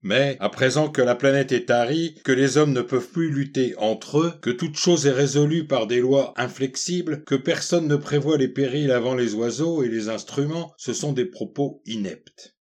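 Man reading a novel aloud, calm and measured, mid voice. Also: mid-range voice. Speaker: narrator. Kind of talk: scripted audiobook narration.

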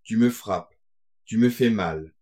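A man reading a gothic tale aloud, voicing an anxious young woman who pleads gently with her lover. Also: lowish voice, slow pace. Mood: pleading.

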